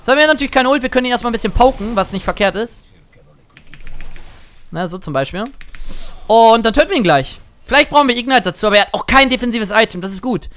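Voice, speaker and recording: A young man chatting excitedly through live gameplay commentary as a streamer, now and then singing or shouting at a play. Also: extremely high pitch, fast. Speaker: gaming streamer.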